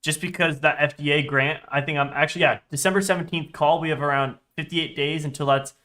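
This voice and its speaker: A man's voice: a little high, fairly even intonation, fairly quick, sharp tone. A young man with a congested, stuffy voice, chatting casually on a live trading stream, rambling and correcting himself as he goes. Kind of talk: live-stream trading chat, reading chat aloud.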